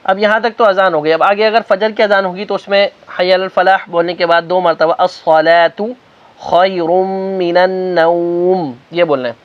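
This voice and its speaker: A man with a high voice teaches the call to prayer. He alternates quick spoken explanation with slow, drawn-out chanted demonstrations. The recording sounds dull and lo-fi. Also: fairly even intonation. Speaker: religious teacher. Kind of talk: recitation lesson.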